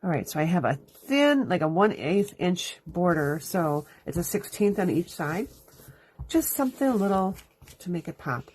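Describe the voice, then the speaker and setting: Very animated at a normal speed, a woman speaks with a fairly low, slightly rough and somewhat mellow voice. She's a crafting host doing a live card-making demo from her craft room, chatting through the steps as she works, stuffy and sniffling from allergies. A dog drags its bed around behind her.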